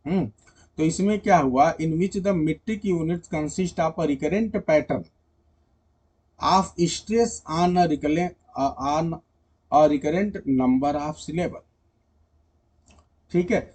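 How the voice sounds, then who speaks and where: A slightly high, husky male voice teaching an exam-prep lesson. He explains each point step by step, checks in with the class often, and switches into English for definitions. The delivery is patient and methodical. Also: extremely slow, pauses often, a little mellow. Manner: mixes English terms and read-out definitions into Hindi.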